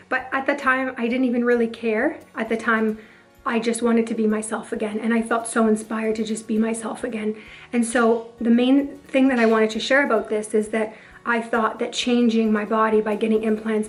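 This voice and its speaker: A woman vlogger talking earnestly and confidingly to camera, her voice hoarse and partly lost after a breathing tube. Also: fairly high pitch. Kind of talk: earnest personal talk to camera.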